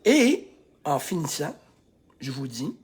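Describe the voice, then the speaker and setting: A Québécois man with a very husky, breathy voice, pitched a little above most men, speaks as a life coach in a motivational talk to camera. He punches key phrases loudly, then drops to a hushed, almost whispered calm. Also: slow pace. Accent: Québécois French. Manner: swings between loud emphatic bursts and hushed near-whispers.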